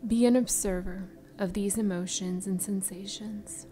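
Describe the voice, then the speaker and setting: Soft, whispery woman guiding meditation, slow. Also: medium pitch, fairly even intonation. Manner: soft, breathy, soothing spa voice trailing into whispers. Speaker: meditation guide. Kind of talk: slow guided meditation narration. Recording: music behind the voice. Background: background music.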